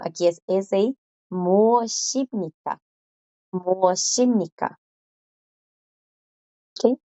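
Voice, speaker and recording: A woman teaching a class, explaining patiently and repeating words slowly for her students to copy. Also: mid-range voice, warm tone, dry recording, lo-fi sound. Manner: slow, careful pronunciation drills with repetition. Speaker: Korean language teacher.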